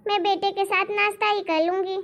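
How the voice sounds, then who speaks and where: Woman doing a nagging saas, super high squeaky voice with gravel, whines and blames everyone. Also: level tone, a little fast, a bit bright. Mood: complaining. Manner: nagging, complaining, blames others. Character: scheming lying mother-in-law, older woman. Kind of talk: animated cartoon voice acting.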